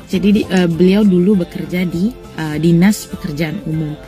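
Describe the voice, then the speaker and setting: A woman's voice: on the low side, normal speed, mellow, soft background music. A young woman from Indonesia recounting her own experience in a conversational way, hesitating now and then. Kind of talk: casual personal account.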